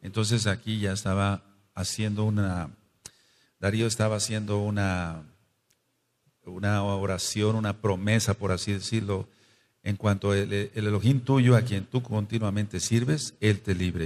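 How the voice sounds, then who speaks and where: A man with a Mexican accent teaching a scripture study, who explains and exhorts in short phrases with quick asides. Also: lowish voice, fairly even intonation, a little mellow. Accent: Mexican Spanish. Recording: long reverb.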